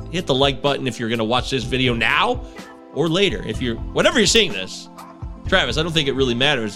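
Man, podcast host, upbeat joking banter, lively pitch. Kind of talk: casual chat.

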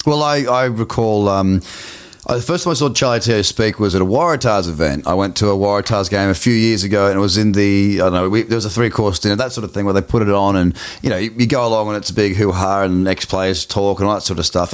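A man's voice: lowish voice, fast. An Australian man hosting a podcast with an enthusiastic, matey, informal manner. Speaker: podcast host. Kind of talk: upbeat casual interview chat.

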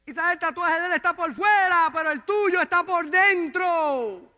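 High-pitched guy pastor preaching to the congregation, really bright tense voice, fired up. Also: normal speed. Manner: impassioned preaching, addressing the congregation directly. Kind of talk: sermon. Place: church.

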